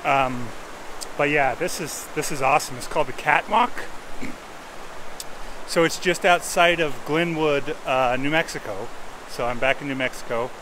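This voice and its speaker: Higher-voiced man vlogging over outdoor noise. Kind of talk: casual outdoor vlog talk. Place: outdoors on a creek trail. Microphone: camera on a tripod, fairly close. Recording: noisy outdoors, rushing creek water.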